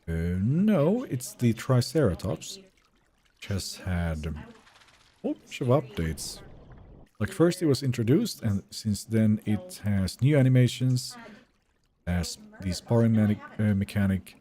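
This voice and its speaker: A young man with a low, mellow voice, relaxed and chatty as he streams a game live. His pitch rises and falls a lot while he answers his chat. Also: unhurried. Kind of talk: live gameplay commentary.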